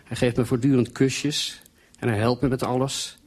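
A man's voice: mid-range voice, flat delivery, moderate pace, a little mellow, lightly acted. A man reading a story, voicing a worried married woman who confides her unease. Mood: uneasy.

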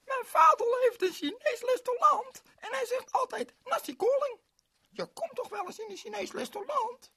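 A man's voice: very high-pitched, expressive, normal speed, vocal fry, bright, forceful tone, voice pushed up, full character voice. A man voicing a cheerful, chatty little girl who swaps her r sounds for l in a children's story. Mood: eager.

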